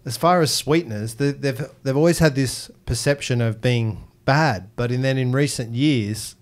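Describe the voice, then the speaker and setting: A man's voice: mid-range voice, moderate pace. A man chatting and bantering as a podcast co-host, close on a studio mic. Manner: jokey, questioning. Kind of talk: casual bantering chat. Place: small indoor podcast studio. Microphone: close boom-arm studio mic with headset.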